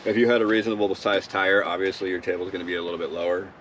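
A man in his thirties walks through a camping gear setup in a laid-back, upbeat way. His voice is very low. A camera mic outdoors catches plenty of noise behind him. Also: fairly even intonation, racing, fairly bright tone. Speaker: vlog co-host. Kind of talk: casual gear demo. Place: outdoors at a riverside campsite.

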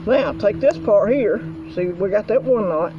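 A man's voice: high-pitched, lively intonation, unhurried, music in the background. A middle-aged man, casually demonstrating knots outdoors in a folksy, rambling way while filming on a handheld phone. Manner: folksy, rambling, talks while working with his hands. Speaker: outdoors vlogger. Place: outdoors in a yard. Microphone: handheld phone camera. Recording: dull lo-fi phone audio, faint outdoor noise.

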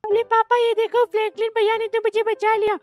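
A man's voice: monotone, brisk, darkish tone. A man voicing a small, frightened baby shark boy in a gaming video. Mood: grateful. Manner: squeaky, crying for help.

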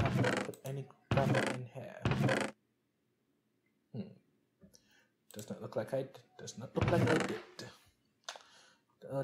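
Slow, sleepy man narrating a game. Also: mid-range voice, very noisy. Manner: rambling, self-mocking, talks to himself. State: sleepy and tired. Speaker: gaming channel host. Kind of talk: casual gameplay commentary. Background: faint game music and mouse clicks.

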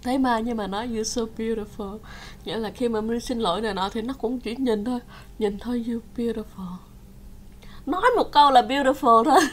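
A woman's voice: on the high side, quick pace, a little hiss or hum. A woman vlogger casually telling her viewers a story, chatty, laughing often and acting out the quotes. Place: home in Canada.

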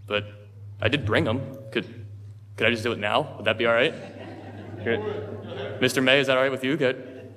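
A teenage boy stands at a podium on a large school auditorium stage giving a funny graduation speech, dry, joking, and lightly mocking himself. His mid-range voice moves at normal speed with long pauses, picked up by the podium mic and filmed from far away. The hall is reverberant, with soft music and a crowd in the background.

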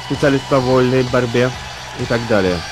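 Male sports commentator, middle-pitched, voice-over translation of a fight broadcast, clear music underneath. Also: moderate pace, poor audio.

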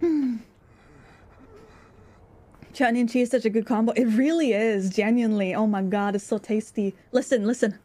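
A woman's voice: a little high, moderate pace, pauses often, dark tone. A woman streamer chatting casually with her viewers while she eats and plays a game. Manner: chatty, eating while talking, laughs often. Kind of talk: casual live-stream chat while gaming and eating.

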